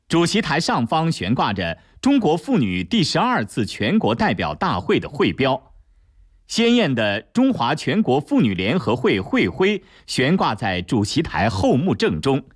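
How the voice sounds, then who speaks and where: A man's voice: mid-range voice, wildly swooping pitch, unhurried, slightly rough, no room sound, studio quality. A man with a standard mainland Mandarin accent giving formal, solemn, declamatory scripted news narration.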